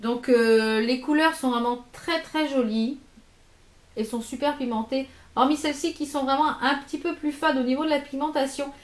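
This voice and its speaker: A woman's voice: high voice, normal speed, roomy sound. A woman vlogger showing makeup products to camera in a casual haul video, talking with many hesitations and fillers. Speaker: beauty vlogger.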